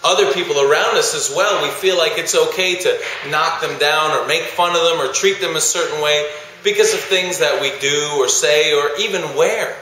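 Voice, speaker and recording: Male speaker, bright voice, lively storytelling, very echoey room. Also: on the high side, moderate pace, slight background noise. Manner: animated storytelling, acting out audience reactions. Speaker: speaker to student groups. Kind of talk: vlog monologue.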